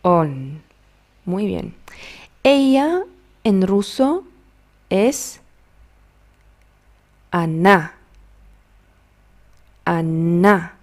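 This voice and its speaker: A woman's voice: on the low side, big pitch swings, drawn-out words, pauses often, a little mellow. A woman teaching a beginner language lesson, patiently drilling new words and modeling their pronunciation.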